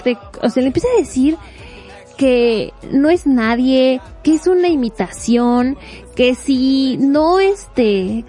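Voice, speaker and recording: Girl retelling a webtoon, high voice, lots of "este", super animated. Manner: animated, acts out quotes, fills with este. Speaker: webtoon recapper. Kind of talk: casual story recap.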